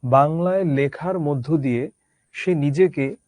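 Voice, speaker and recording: A man's voice: on the high side, unhurried, darkish tone, no room sound. A man teaching a literature lesson conversationally, asking his students rhetorical questions. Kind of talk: Bangla literature lecture.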